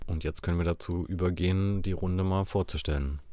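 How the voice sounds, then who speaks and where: A man hosting a book podcast, reading his introduction in a calm, measured way. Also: low voice, dry recording. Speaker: podcast host. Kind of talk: scripted introduction.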